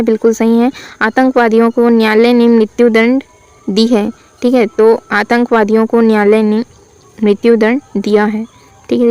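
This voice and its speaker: A woman teacher works through grammar practice questions. She reads each sentence slowly and then corrects it. Her voice is clear and smooth, a little high, and stays on a narrow, even pitch. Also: dry recording. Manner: asks questions then answers them herself. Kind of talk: exam-prep grammar lesson.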